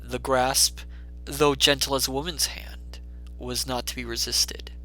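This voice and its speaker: A man reads a classic tale as a dramatic audiobook narrator. His voice sits at a medium pitch and has a very bright, forceful, sharp edge. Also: little pitch movement, a little slow, low-quality recording.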